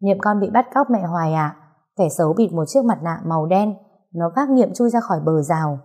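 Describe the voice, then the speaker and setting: A woman's voice: fairly low pitch, animated, brisk, dark tone. A woman voicing a cheeky, chubby little boy in a storybook reading, with a playful, wheedling child voice. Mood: tall-tale.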